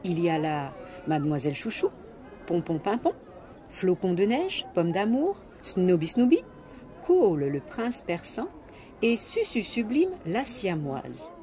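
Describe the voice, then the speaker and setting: A woman reading a children's storybook aloud in an expressive, animated way, with swooping emphasis. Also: lowish voice, measured pace, a faint crowd. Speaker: storybook reader. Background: background music.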